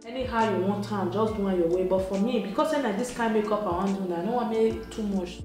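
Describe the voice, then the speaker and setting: Chatty Nigerian woman in an echoey room. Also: mid-range voice. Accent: Nigerian, Edo. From Nigeria, Benin City, Edo State. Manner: chatty, laughs often, slips into Pidgin. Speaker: beauty vlogger. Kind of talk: casual makeup tutorial in Pidgin English. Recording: very echoey room, soft music behind.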